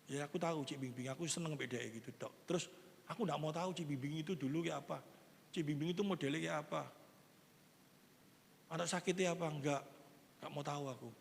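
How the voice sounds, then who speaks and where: Older pastor preaching, chatty, gravelly, big echoey church hall. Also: male voice, on the high side, fast, long pauses, slight background noise. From East Java, Indonesia. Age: 60s. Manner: lively, conversational preaching with everyday examples. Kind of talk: sermon. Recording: long reverb of a church hall.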